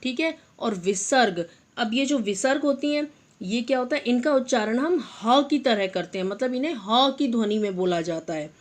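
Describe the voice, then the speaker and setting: A young adult woman teaching a Hindi grammar lesson to young children, patiently repeating example words slowly and addressing her pupils fondly. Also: a little high, animated. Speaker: primary school teacher.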